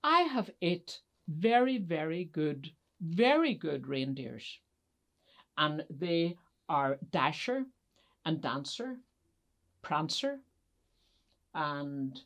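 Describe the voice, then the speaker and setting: A woman voicing a fed-up but kindly old male Santa, speaking emphatically with drawn-out words in a children's story. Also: sits low, big pitch swings, exaggerated voice. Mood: emphatic, kindly.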